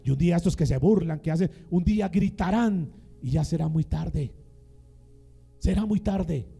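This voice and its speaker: A male pastor delivers a dramatic sermon in a fairly high, gravelly voice with a dark, mellow tone. He asks the congregation questions and calls on them to repeat his phrases. Faint music plays behind him. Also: normal speed. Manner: dramatic call-and-response preaching.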